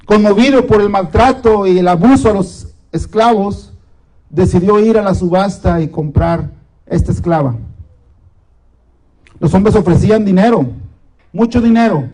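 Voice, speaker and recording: A male pastor preaching a sermon with dramatic pauses and repetition. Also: sits high, darkish tone, poor audio.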